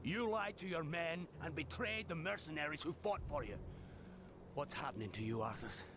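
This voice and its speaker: An actor playing a gruff, loyal older dwarf warrior who frets over his companion in a video game. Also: a little high, lively intonation, moderate pace, background noise, natural voice. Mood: reproachful. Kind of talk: video game character acting. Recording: music behind the voice.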